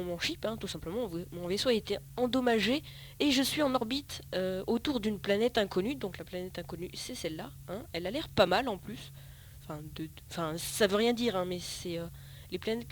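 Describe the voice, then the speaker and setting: A man's voice: sits high, a little hiss or hum. A man giving casual, rambling gameplay commentary, often correcting himself and swearing casually. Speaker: let's play host.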